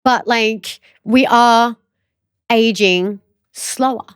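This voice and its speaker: A woman's voice: on the high side, drawn-out words, clear, resonant tone, no room sound, studio quality. A woman in her late twenties from Australia, co-hosting a podcast in casual chat. She laughs often and fills her talk with "like". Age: 20s. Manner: chatty and giggly, says "like" often. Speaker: podcast co-host.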